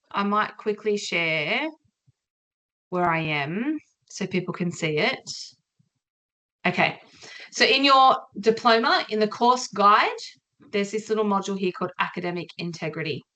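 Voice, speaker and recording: Bright-voiced Australian woman lecturing online. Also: medium pitch. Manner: chatty, friendly, loose and informal. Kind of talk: online orientation session.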